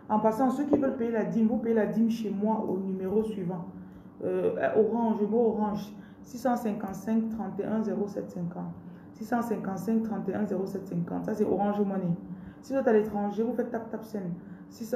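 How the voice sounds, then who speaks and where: A woman's voice: mid-range voice, dark tone, echoey room, slight background noise, poor audio. A woman with a Cameroonian French accent preaching a prosperity sermon on a live stream, declaring blessings and repeating her phrases.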